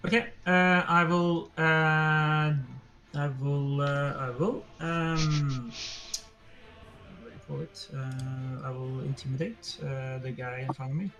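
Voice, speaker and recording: A man playing a tabletop game, halting and searching for words. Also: a little high, steady tone, faint music behind. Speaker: player. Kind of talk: casual game talk.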